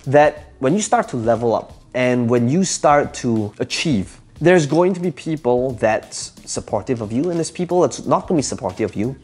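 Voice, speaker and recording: This man, a Cantonese-native entrepreneur, delivers emphatic motivational advice to camera, asking rhetorical questions and circling back to his key phrases. His voice is mid-range and a little mellow.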